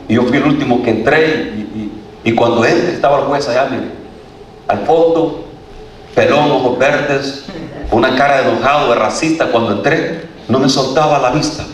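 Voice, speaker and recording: A man's voice: mid-range voice, slight background noise. A man preaching a sermon, telling a story with acted voices and frequent laughter. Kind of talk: sermon testimony. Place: church hall. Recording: echoey hall, voice from far off.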